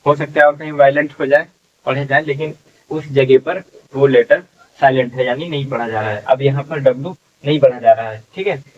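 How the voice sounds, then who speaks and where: A man's voice: mid-range voice, fairly even intonation, distant mic, narrow, tinny audio. Man patiently sounding out English words. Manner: slow, drawn-out sounding out of words, repeating each one; frequent checking fillers. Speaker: English reading teacher. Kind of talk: phonics lesson for beginners.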